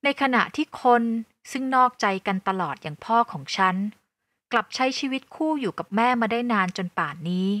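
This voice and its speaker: A woman's voice: a little high, lively intonation, moderate pace, bright, forceful tone, no echo. A woman narrating a first-person romance novel, in an emotional, reflective way. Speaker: audiobook narrator.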